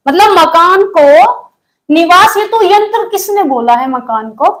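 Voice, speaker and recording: A woman teacher with a very high voice leads a live online exam-prep class. She repeats key phrases again and again and keeps firing questions at her students. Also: poor audio.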